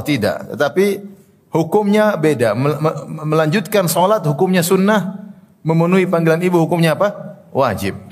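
A male religious teacher gives a study lecture. He explains Arabic terms and tells narrations, often filling pauses with "ya" and "apa namanya". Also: fairly high pitch, long reverb tail. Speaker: Islamic teacher.

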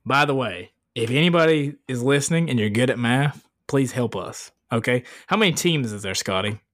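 A man with a middle-pitched voice co-hosts a podcast. He talks in loose, slangy banter and swears freely. His delivery is jokey and informal. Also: expressive, moderate pace, a bit bright. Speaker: podcast co-host. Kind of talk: casual, profane banter.

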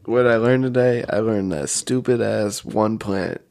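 A young man co-hosting a casual podcast chat, quiet and dry-humored. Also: on the low side, unhurried, gravelly. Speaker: podcast co-host.

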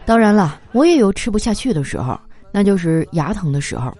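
A woman telling comic stories in a lively, animated way, laughing through her punchlines. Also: mid-range voice, fairly quick, a little hiss or hum. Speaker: comedy monologue performer. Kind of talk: stand-up style comic storytelling.

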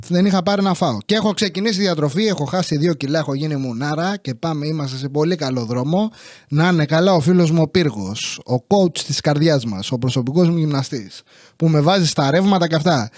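A man's voice: a little high, darkish tone, no room sound. A young Greek man hosting his podcast, delivering a sarcastic, profane comic rant in a grumbling, casual way. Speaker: podcast host. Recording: dry studio sound.

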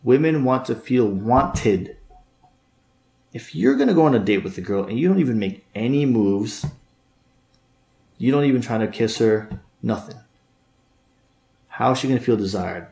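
A man lectures his listener with blunt, scolding advice, often stumbling over repeated words as he pushes his point. His voice sits at an ordinary middle pitch. The sound carries a noticeable room echo. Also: lively intonation, moderate pace, vocal fry, pauses often, darkish tone. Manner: harsh, scolding, lots of stammered repeats. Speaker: dating podcast host. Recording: echoey room.

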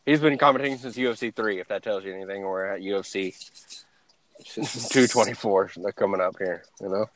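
A man's voice: fairly low pitch, brisk. A young man hosting a casual podcast about fighting, telling stories with lots of swearing and laughter. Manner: animated storyteller, swears freely, laughs often. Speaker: podcast host.

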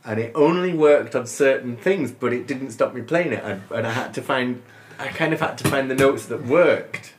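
A man in his fifties from northern England, a musician chatting as a guest in a relaxed, rambling, good-humoured way, often laughing as he talks. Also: medium pitch, moderate pace, slight background noise. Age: 50s. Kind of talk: casual interview chat.

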